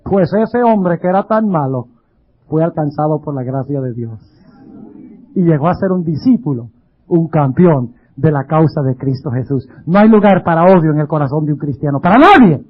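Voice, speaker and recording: A man's voice: on the high side, expressive, moderate pace. A male pastor giving a dramatic sermon, full of rhetorical questions. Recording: dull lo-fi radio sound.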